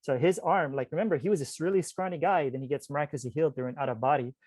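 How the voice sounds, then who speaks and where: Talking very fast in a fairly high voice, a man of forty recounts something personal as a podcast guest. He's a spiritual teacher, casual and animated, peppering the story with "like" and asides to "you guys"; there's no echo.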